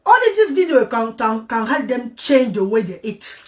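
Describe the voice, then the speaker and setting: On a relaxed diet-advice live stream, a woman sweet-talks her viewers with endearments, moving between French and English. She speaks unhurriedly in a high, very animated voice, positioned a bit far from the microphone.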